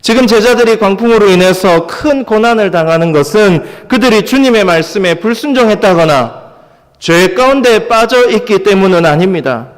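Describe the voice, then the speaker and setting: A man's voice: sits high, expressive, normal speed. A man preaching a Sunday sermon as pastor, now and then acting out the voices of the people in the story with raised intensity. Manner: dramatizes the disciples' cries in a raised voice. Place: church sanctuary. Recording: long church hall reverb.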